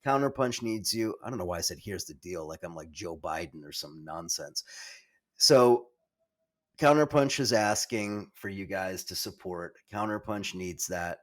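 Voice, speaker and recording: A man's voice: low-pitched, animated, normal speed. A man hosting a talk show, casual and self-deprecating, joking about his own phrasing before introducing a guest. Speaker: podcast host.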